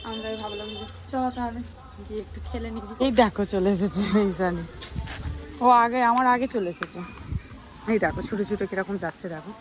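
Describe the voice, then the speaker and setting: A young mother who vlogs chats casually with her viewers, laughing often as she shows off her family at home and at a relative's house. Her voice is medium-pitched and brisk, with faint music playing behind her.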